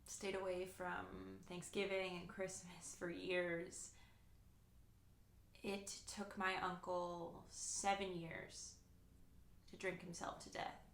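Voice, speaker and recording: A woman acting a dramatic monologue as a grown niece haunted by her late uncle, speaking in a searching, halting, reflective soliloquy. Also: fairly low pitch, flat delivery, vocal fry. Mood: grave, haunted. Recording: echoey room with faint noise.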